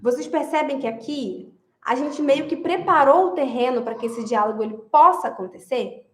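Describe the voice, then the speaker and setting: Emphatic high-voiced woman. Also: moderate pace, echoey room. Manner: emphatic, repeats key phrases, addresses viewers directly. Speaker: marriage advice speaker. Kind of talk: direct-to-camera advice talk.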